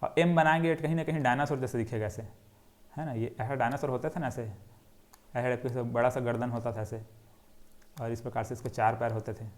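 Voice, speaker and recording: A man's voice: mid-range voice, steady tone, fairly quick. A young man teaching geography in a classroom-style lecture, who asks questions and answers them himself while drawing on a board. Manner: repetitive question-and-answer drilling.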